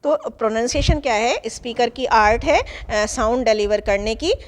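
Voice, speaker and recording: A fairly high-pitched woman gives a lecture. She reads English terms out slowly and then explains them at an easy pace. Her voice rings with long reverb, as if she were in a large hard room. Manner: explains English phrases in Hindi, slows down when reading English. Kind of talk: Hindi exam-prep lecture with English terms.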